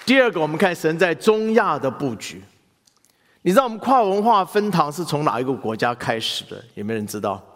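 A male pastor preaching a sermon in animated style, asking the congregation questions. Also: fairly high pitch, a little fast, long reverb tail, some chatter behind.

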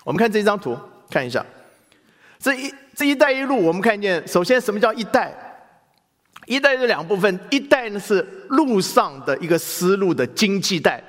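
Guy preaching a sermon, really animated pitch, church hall echo. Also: moderate pace. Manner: animated preaching with rhetorical questions to the congregation. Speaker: pastor.

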